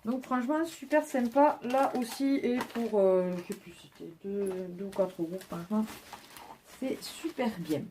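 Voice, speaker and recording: A woman's voice: mid-range voice, normal speed, warm tone, a little hiss or hum. A woman chatting casually at home as she shows her purchases one by one to viewers. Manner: chatty, talks her viewers through each item. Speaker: haul vlogger. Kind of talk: casual chat, showing purchases to camera.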